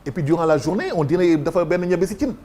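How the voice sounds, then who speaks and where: A man with a Senegalese accent hosting a TV talk show in a lively, conversational way. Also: fairly high pitch, fast.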